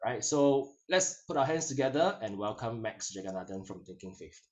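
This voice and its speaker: A man's voice: mid-range voice, lively intonation, normal speed, darkish tone. A man introducing a guest speaker in a hesitant way, with many fillers. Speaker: event host. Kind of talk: casual introduction.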